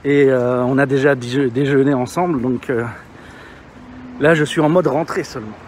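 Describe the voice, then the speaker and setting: A man's voice: medium pitch, fairly even intonation, moderate pace. Breathless man chatting outdoors over street noise. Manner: informal, slangy, rambling. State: out of breath, panting from walking. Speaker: live streamer. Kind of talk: casual chat to livestream viewers while walking. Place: outdoors, walking in an urban area. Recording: noisy outdoor street sound with traffic.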